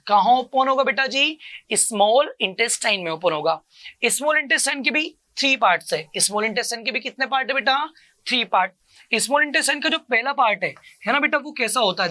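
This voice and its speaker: Male coaching teacher, bright tense voice, dry close mic. Call-and-response drilling that keeps addressing the student warmly. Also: dry recording. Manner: asks a question, then answers it himself in a lower voice; keeps calling the listener "beta" and repeats each term.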